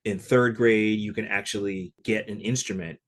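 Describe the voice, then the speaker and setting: A man from Connecticut, a session percussionist, telling stories in a relaxed interview with lots of "like" fillers. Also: fairly low pitch, normal speed. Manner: relaxed, chatty, frequent "like" fillers. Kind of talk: casual interview storytelling.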